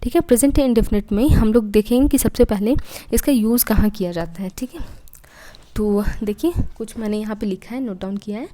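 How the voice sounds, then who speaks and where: Mellow-voiced woman teaching English grammar. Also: medium pitch, fairly quick. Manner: explains step by step, asking and answering her own questions; often says "ठीक है" between points. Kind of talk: exam-prep lesson.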